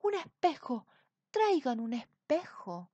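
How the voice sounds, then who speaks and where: A woman voicing a proud, demanding man king who shouts orders and complains of his pains. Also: fairly high pitch, sing-song, takes it slowly, dry recording, dull audio, heavily acted. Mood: panicked. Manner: commanding, exclaiming.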